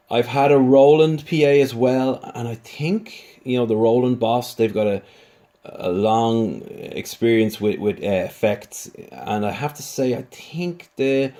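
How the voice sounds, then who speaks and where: In a casual, unscripted product review, a male reviewer speaks haltingly and hesitantly, repeating words. His voice is fairly low and warm.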